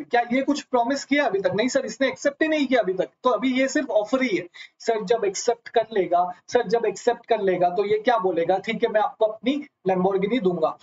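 A man's voice: high voice, a little mellow. A man teaching a live online lecture, asking his students question after question and calling them sir. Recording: slightly dull lo-fi audio.

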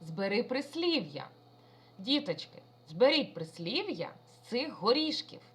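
A woman's voice: on the high side, very animated, measured pace, breathy edge. A woman primary school teacher giving a recorded lesson to young children, talking in an affectionate, sing-song way.

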